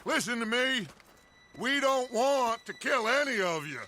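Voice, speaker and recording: An actor playing a middle-aged outlaw gang leader who speaks in a persuasive, theatrical, deliberate way. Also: male voice, very high-pitched, expressive, exaggerated voice. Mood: threatening. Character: smooth commanding male outlaw gang leader. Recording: game cutscene with loud wind and hooves.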